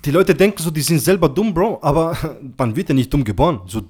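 A man's voice: fairly high pitch, lively intonation, quick pace, a little mellow, husky. A man hosting a casual chat. He talks in loose slang, leans on "so" and "bro" in nearly every phrase, and acts out the other people's lines when he tells a story. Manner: tells stories acting out quoted dialogue. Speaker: podcast host.

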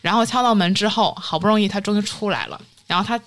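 A young woman, a podcast guest, telling a story in lively casual chat and acting out what people said. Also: medium pitch, quick pace. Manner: animated storytelling, acting out quotes.

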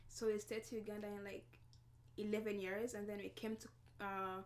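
A woman's voice: medium pitch, level tone, normal speed. A young woman from Congo, a podcast guest, chatting casually, laughing often and saying "like" a lot. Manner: laughing often, heavy use of "like". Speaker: podcast guest, fashion designer. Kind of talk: casual interview chat.

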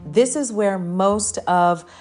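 A woman's voice: medium pitch, takes it slowly, darkish tone. A woman hosting a podcast in a conversational, motivational style, addressing listeners informally and directly, with a little echo from the kitchen she is recording in. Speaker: podcast host. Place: home kitchen. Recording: slight kitchen echo, music behind.

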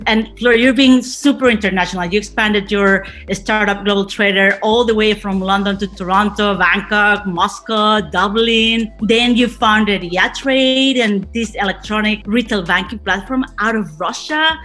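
A woman's voice: medium pitch, unhurried, few pauses, fairly bright tone. Podcast host: woman, enthusiastic, scripted intro tone, faint music behind. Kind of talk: podcast interview hosting.

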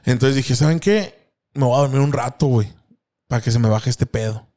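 Telling a story on the podcast he co-hosts, a young man with a Mexican accent keeps things slangy and casual, laughing and imitating the people he quotes. He has a mid-range, warm voice and speaks a little fast.

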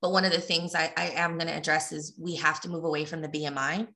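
Casting: middle-aged woman, bright clear voice, chatty and plain-spoken co-host. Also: sits low, level tone, fast. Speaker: podcast co-host. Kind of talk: casual chat, reading aloud.

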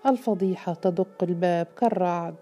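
A woman's voice: fairly low pitch, brisk, mellow, soft background music, natural voice. A woman voicing an anxious mother in a storybook, stern and agitated. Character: anxious mother scolding her daughter.

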